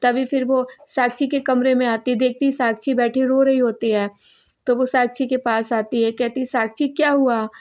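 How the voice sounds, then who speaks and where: A woman's voice: on the high side, little pitch movement, moderate pace, a little mellow. A woman narrating a recap of a television serial episode in a plain, running storytelling manner. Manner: plain, running retelling with small restarts.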